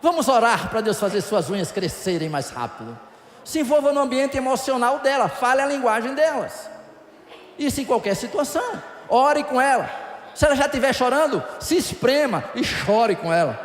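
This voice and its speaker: A Brazilian pastor preaches a playful, humorous sermon and acts out little scenes in different voices. His voice sits high and swings widely in pitch. The sound carries the long reverb of a church hall, with a faint room hum behind it. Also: sing-song, moderate pace. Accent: Brazilian Portuguese. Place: church sanctuary.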